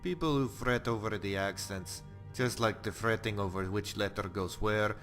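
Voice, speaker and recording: An actor playing a blunt, bloodthirsty male Nord warrior exile in a game, talking about violence in a deadpan, matter-of-fact way. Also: on the low side, moderate pace, faint music behind. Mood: wry, boastful. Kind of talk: game character monologue.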